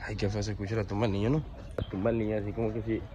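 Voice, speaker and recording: A young man vlogs outdoors at a cemetery on a handheld phone camera, rambling in slang and sounding half asleep. His voice is fairly low, level, and mellow, and he talks very fast over slight background noise.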